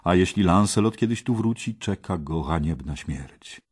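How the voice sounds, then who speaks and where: A man's voice: deep voice, animated, moderate pace, darkish tone, slightly rough. A man voicing a stern, grieving king in an audiobook, solemn and commanding.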